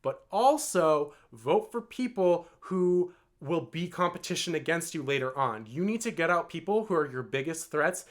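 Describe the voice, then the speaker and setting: Male vlogger with a somewhat high voice, earnest and rambling, filler-heavy delivery. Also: lively intonation, moderate pace. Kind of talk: storytime vlog.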